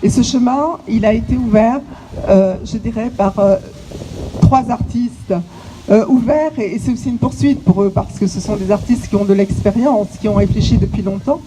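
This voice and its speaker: An exhibition curator from French Guiana, a woman with a slightly high voice, gives an inaugural speech to visitors outdoors on an island site amid noise. She speaks haltingly, with many hesitations and restarts.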